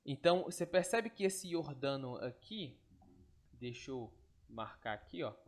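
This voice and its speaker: A man's voice: mid-range voice, expressive, measured pace. Guy teaching online, step by step, keeps checking u got it. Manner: patient, step-by-step, checks with tag questions. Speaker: Greek teacher. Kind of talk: online lesson explaining on screen.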